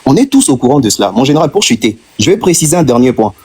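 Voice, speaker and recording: Rapid-fire, with big pitch swings, this mid-range voice is mellow yet slightly rough. The speaker, a Congolese man from the DRC with a Congolese French accent, argues impassionedly on a live stream, loading on rhetorical questions and emphatic repeated phrases.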